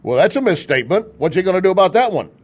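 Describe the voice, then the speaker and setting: Racing along in a high, very animated voice with a breathy edge, this Texan hosts a political talk radio show. He keeps it folksy and conversational, tossing in jokes on the side and rhetorical questions.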